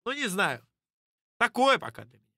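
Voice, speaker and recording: A man casually commentating on a livestream as a streamer, halting and swearing often, with a teasing streak. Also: extremely high pitch, very animated, pushed and bright, no echo, studio quality. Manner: halting, profanity-laced, teasing. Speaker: streamer reacting to rap battles. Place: indoor room at a streaming desk.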